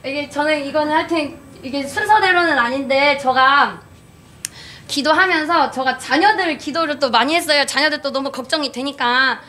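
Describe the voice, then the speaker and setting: A woman's voice: high voice, normal speed, pushed and bright. A woman in her thirties giving a rambling church testimony, with many fillers and restarts. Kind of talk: spontaneous testimony talk. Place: church gathering.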